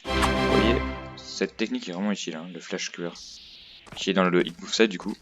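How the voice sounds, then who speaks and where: A man's voice: deep voice, steady tone, normal speed, over loud music. A man hosting a casual gaming let's play, thinking aloud in a rambling, hesitant way, recorded on a headset microphone. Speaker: gaming video host. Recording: noisy headset mic with clicks. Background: clear noise and clicking.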